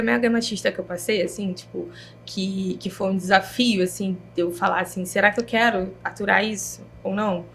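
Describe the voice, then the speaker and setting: A young woman with a Brazilian Portuguese accent, a guest telling a personal story in a chatty, lively way full of slang fillers. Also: on the high side, slight background noise. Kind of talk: interview storytelling.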